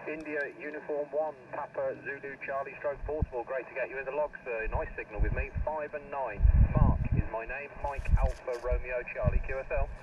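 A man on a ham radio call, his voice coming through a thin, tinny receiver. Heavy hiss and static sit loud under every word. He sounds distant as he spells out call signs in the phonetic alphabet. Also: medium pitch, fairly even intonation, brisk, hardly any pauses. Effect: heard over a radio receiver. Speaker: amateur radio operator.

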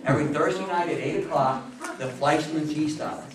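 Before a seated audience in a meeting room, a man in his seventies gives an informal history talk with anecdotes, animated delivery, repeated phrases for emphasis and audience questions. His voice is fairly high and moderately paced. Crowd noise and roomy echo are heard through a far camera mic.

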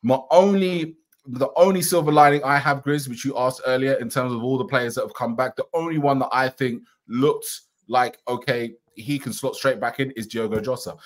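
Male co-host, casual football chat, steady list-building delivery, mid-pitched voice. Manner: steady, builds arguments in lists. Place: home room, video call.

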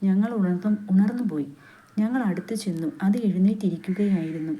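A woman reading a literary story aloud in a steady, unhurried narrating voice, with dialogue quoted along the way. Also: mid-range voice. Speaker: story reader.

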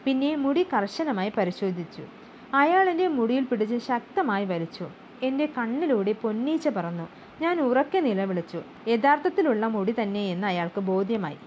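A woman narrates an audiobook in a steady, clear manner. Her voice sits fairly high, and the recording is slightly dull, with a faint hum underneath. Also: moderate pace. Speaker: audiobook reader. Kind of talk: storybook narration.

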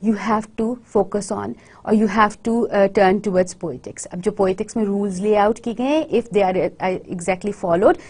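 A woman lecturer with a medium-pitched, darkish, slightly rough voice gives a recorded university lecture, moving between Hindi-Urdu and English. Her English phrases come slowly and deliberately while her Hindi-Urdu runs quickly, and she often pauses to make sure the class is following.

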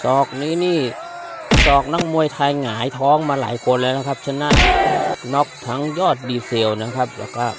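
A man giving excited, exclamatory boxing commentary as a Muay Thai fight commentator. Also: medium pitch, moderate pace. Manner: exclamatory, reacts to each strike with repeated interjections. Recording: loud music and crowd noise behind. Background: loud music and crowd.

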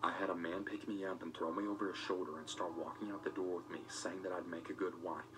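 A man reading a first-person scripted story in a matter-of-fact way, as narrator of an animated video. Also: sits low, quick pace, noisy background. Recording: music playing under the voice.

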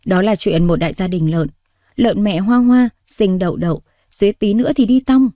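A woman storyteller reading a story aloud in a steady, expressive way. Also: mid-range voice, moderate pace, no room sound, studio quality. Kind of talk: scripted story narration.

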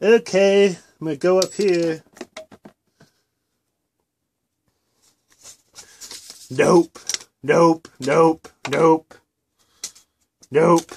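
A man voicing a furious, foul-mouthed young mare unicorn scholar in a parody cartoon dub, yelling and bossy. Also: fairly high pitch, drawn-out words, vocal fry, slight background noise, exaggerated voice. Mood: searching.

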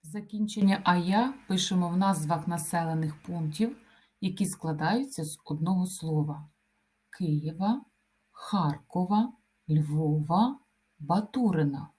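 A woman teaching a grammar lesson, reading out lists of example words one by one in a deliberate, dictation-like way. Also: on the low side, darkish tone. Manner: slow, deliberate dictation-like delivery.

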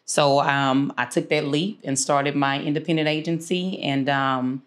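Low-voiced woman from Houston, unhurried. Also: fairly even intonation. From Houston, Texas. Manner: unhurried, many fillers. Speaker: guest, insurance agency owner. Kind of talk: casual interview. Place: small studio room, seated.

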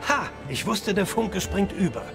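A man's voice: high voice, animated, moderate pace, vocal fry, music in the background. An actor playing a sly, jovial older man in a fantasy game, chummy and wry.

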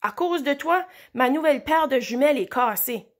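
Woman reader voicing a grumpy young male friend, high, grumbling storybook voice. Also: animated, moderate pace. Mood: exasperated.

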